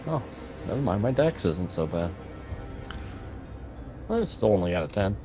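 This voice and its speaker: A man's voice: lowish voice, sing-song, moderate pace. A man playing in a tabletop game, speaking in a hesitant, mumbling way. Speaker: player. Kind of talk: casual chat during a tabletop game. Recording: music playing behind the voice.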